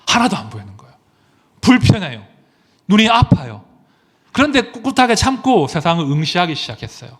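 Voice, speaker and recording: Animated high-voiced male pastor preaching. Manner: animated storytelling, asks the congregation questions. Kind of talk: sermon.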